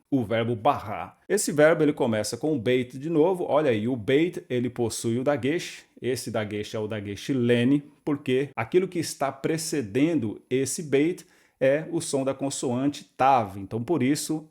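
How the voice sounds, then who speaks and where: Man, patient teacher, methodical explanations, medium pitch. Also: darkish tone. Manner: patient and methodical, spelling out syllables slowly. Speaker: Biblical Hebrew teacher. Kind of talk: explanatory video lesson.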